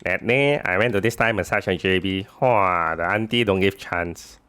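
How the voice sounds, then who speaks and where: A man's voice: deep voice, moderate pace, pushed and bright. A man playing an everyday Singaporean telling grumbling anecdotes in colloquial Singlish with clipped grammar. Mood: aggrieved, exaggerated. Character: animated, complaining everyday Singlish-speaking man.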